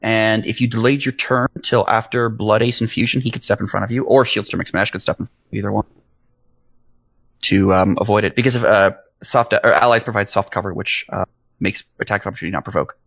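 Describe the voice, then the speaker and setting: A man acting as game master, calmly explaining rules and narrating a tabletop fight in an easygoing way. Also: on the low side, fast talker, no room sound. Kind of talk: running a tabletop game online.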